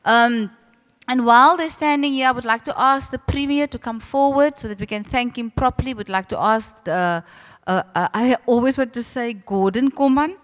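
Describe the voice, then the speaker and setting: High-pitched South African woman in echoey hall. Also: normal speed. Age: older. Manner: animated, direct, addresses the audience familiarly. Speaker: host of a ceremony, arts centre leader. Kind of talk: informal public speech. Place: large reverberant venue at a public ceremony. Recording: echoey hall with long reverb.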